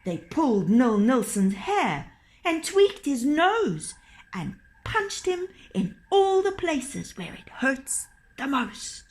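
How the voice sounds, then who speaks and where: In a high voice, a woman acts as storyteller for a children's tale, reading it in an expressive, dramatic and deliberate manner.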